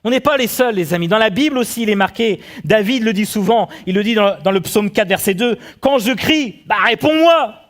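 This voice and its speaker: A man preaching a sermon as pastor, animated and full of rhetorical questions to his congregation. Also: sits high, a little fast, few pauses. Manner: acts out the quotes he tells.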